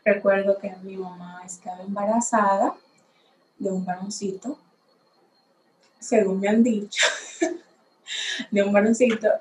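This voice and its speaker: Slow-talking young woman. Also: mid-range voice, fairly even intonation, darkish tone, reverberant, low-quality recording. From Dominican Republic. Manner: unhurried, reflective, a little unsure. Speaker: podcast host. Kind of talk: personal faith testimony. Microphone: facing a camera.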